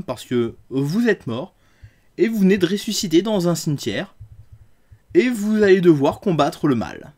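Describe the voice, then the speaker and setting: A man's voice: high-pitched, darkish tone. A man hosting a tabletop game review show, talking in a sarcastic, crude and theatrical monologue.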